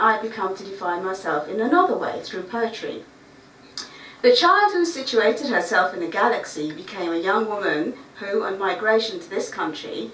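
A middle-aged Guyanese woman with a medium-pitched, fairly bright voice reads a prepared talk in a measured, reflective way, adding a few chatty asides. She's a writer at a stand mic on a small dark stage before a seated audience. A far-off camera captures the roomy, distant sound, with a little hiss or hum.

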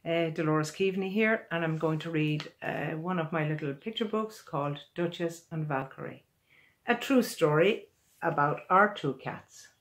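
A deep-voiced woman in her sixties reads her own picture book aloud for children. The recording comes from a small room at home, and her reading is deliberate, animated, and full of expression.

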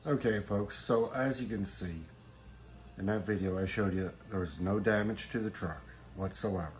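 A man's voice: fairly low pitch, moderate pace. A man in his forties hosting his own firewood channel, talking plainly to a phone held at arm's length in a small room. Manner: plainspoken, self-admitting, talks about common sense. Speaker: channel host. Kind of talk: casual how-to vlog. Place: small room with wood stove, indoors. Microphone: phone camera at arm's length.

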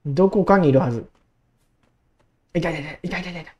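A woman in her twenties giving casual gameplay commentary, excitable and talking to herself, repeating words in quick bursts. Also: fairly low pitch, muffled recording, a crowd in the background. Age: 20s. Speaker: gaming YouTuber.

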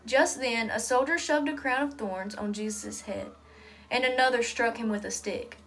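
A woman's voice: on the high side, moderate pace, fairly bright tone, soft background music. A woman reading a children's story aloud to a youth group in an earnest storybook manner. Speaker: reader.

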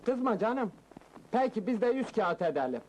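An actor playing a naive, cheeky young farmhand in love, with a rural Anatolian Turkish accent and broad folksy comic delivery in a village comedy film. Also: male voice, high-pitched, big pitch swings, moderate pace, darkish tone. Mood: indignant, bargaining. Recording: noisy old film soundtrack.

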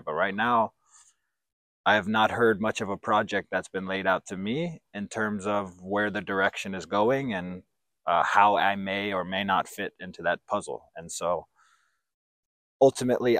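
A man in his thirties, a professional footballer, answering questions in an outdoor sit-down interview, measured and reflective, with a handheld mic. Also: on the low side, fairly bright tone, no echo. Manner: measured, reflective, speaks in considered restarts. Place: outdoors by sports courts. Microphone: handheld branded mic.

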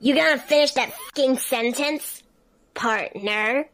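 A woman voicing a small, indignant, furious male imp with defiant shouting in an overacted amateur cartoon dub. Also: high-pitched, a little slow.

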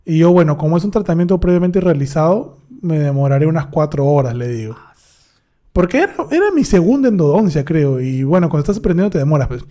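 A man's voice: fairly high pitch, fast. A young man, a dentist co-hosting a podcast, telling a story in casual chat and acting out the dialogue. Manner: animated anecdote telling, acts out dialogue.

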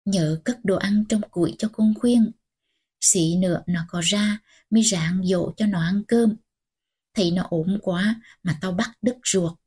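A woman voicing a stern, old-fashioned grandmother, scolding in a slow, husky voice. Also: medium pitch. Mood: worried. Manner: scolding, sharp and commanding.

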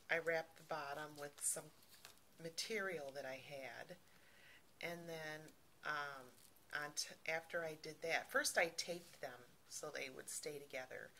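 A middle-aged woman talks through her handmade project in a loose, rambling way, full of ums and restarts. Her voice sits low with a gravelly edge. It is recorded on a handheld phone video, with a faint hiss behind it. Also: a bit bright. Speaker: crafting vlogger. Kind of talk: casual show-and-tell.

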